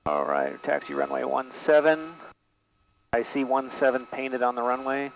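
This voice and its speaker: Male pilot on headset, steady checklist delivery, slightly muffled cockpit audio. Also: mid-range voice, moderate pace, creaky. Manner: calm, methodical checklist talk. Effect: pilot talking over a cockpit headset intercom. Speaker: private pilot. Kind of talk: narrating a flight and radioing air traffic control. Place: small plane cockpit. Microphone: headset mic. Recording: muffled headset audio with faint engine hum.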